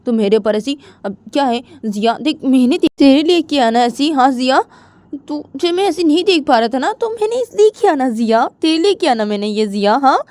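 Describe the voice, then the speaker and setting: A woman's voice: high-pitched, moderate pace, long pauses, dark tone, dry recording, voice pushed up. Adi, a woman playing a pleading young man. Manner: pleading, coaxing.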